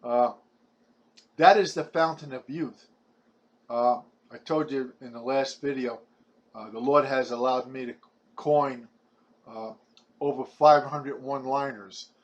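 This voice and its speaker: Speaking with fairly even intonation at medium pitch, a Brooklyn man in his seventies with a New York accent gives a rambling personal testimony to camera. His manner is halting, chatty and preachy, and he frequently repeats words. The recording is muffled.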